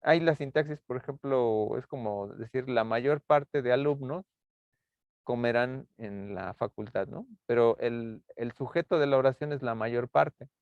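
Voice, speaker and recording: A man lecturing a class on rhetorical figures, halting often with fillers and tag questions. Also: mid-range voice, no room sound. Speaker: university lecturer. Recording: tinny phone-like online class audio.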